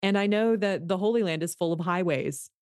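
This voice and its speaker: A woman from the United States hosts the conversation, posing earnest and curious questions. Her voice is smooth and a little low, and it is recorded dry and close with no room around it. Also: fairly quick, a little mellow, no echo. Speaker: podcast host.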